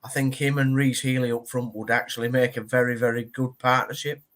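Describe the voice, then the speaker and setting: A man hosts a laid-back football podcast. He talks in a chatty, teasing way and fills his pauses with ums and uhs. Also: mid-range voice, level tone, a bit bright. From Yorkshire, England. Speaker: podcast host. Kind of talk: casual football chat.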